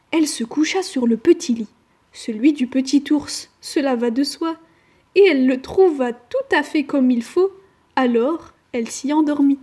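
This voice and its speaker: A woman reading a children's fairy tale aloud with gentle, expressive narration. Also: high voice. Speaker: storyteller.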